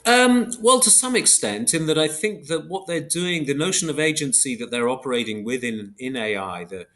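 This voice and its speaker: With a fairly high, expressive, and fairly bright voice at a moderate pace, this man thinks aloud as an academic guest. His thoughtful interview answers come out hesitantly, with self-corrections and reflection.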